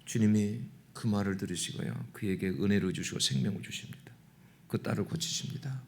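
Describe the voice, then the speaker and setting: A man preaching a Sunday sermon as a pastor, emphatic and prodding his listeners with rhetorical questions, swinging from loud exclamation to hushed intensity. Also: lowish voice, a little fast, vocal fry.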